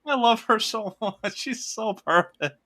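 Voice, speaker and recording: A man co-hosting a podcast in casual chat, animated and laughing as he acts out quotes. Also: high-pitched, a little slow. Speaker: podcast co-host.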